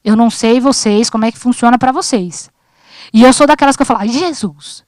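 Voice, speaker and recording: A woman's voice: on the high side, quick pace, darkish tone, dry recording. A woman in her thirties giving an informal sermon at a church service, chatty and joking, acting out her own talks with God. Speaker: preacher at a church youth service.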